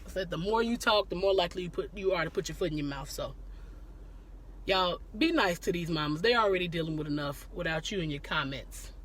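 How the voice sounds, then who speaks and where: A woman's voice: lowish voice, fairly quick, a bit bright, a little hiss or hum. Woman, live-stream host, easygoing and chatty, breaks to laugh and greet viewers. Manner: laughs often, greets viewers by name mid-talk. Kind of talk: casual live-stream chat answering viewer questions.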